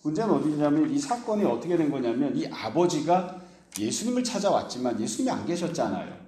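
A man's voice: fairly high pitch, very animated, fast talker, warm tone, a little hiss or hum. A male pastor preaching a sermon, explaining a passage and asking his listeners rhetorical questions. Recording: roomy echo.

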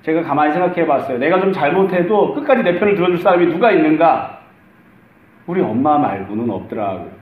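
A man's voice: a little high, expressive, quick pace, roomy sound, phone-quality sound. A middle-aged male pastor preaching a conversational sermon, acting out the lines he quotes.

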